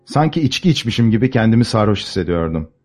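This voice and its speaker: A man narrating a classic novel as an audiobook, measured and expressive. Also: on the low side, faint music behind.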